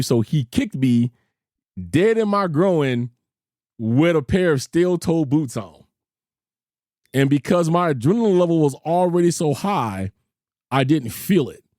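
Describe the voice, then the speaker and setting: A man's voice: on the high side, no echo, studio quality. A middle-aged man hosting a podcast, telling a personal story in a blunt, emphatic, colloquial way and acting out the voices of the people in it. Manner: animated, acts out quoted voices. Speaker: podcast host.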